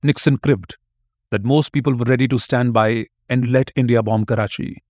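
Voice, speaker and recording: Guy reading a history script, regular pitch, storyteller vibe, dead dry recording. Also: steady tone, normal speed, darkish tone, no room sound. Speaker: history podcast narrator. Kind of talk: scripted narration.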